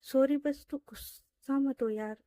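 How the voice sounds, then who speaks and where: A woman voicing a pleading young woman, soft and high. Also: steady tone, takes it slowly, no echo. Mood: apologetic.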